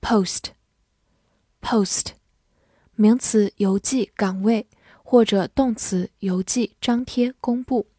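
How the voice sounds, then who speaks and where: A woman's voice: medium pitch, extremely slow, long pauses, mellow, no room sound, clean studio sound. A woman teaching English vocabulary, saying each word twice and then giving its meanings, in scripted lesson narration.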